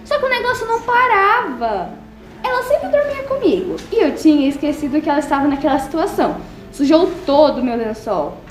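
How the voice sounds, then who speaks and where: A young female student reads her own story aloud in a lively, expressive way. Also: high-pitched, fairly quick, reverberant, soft background music.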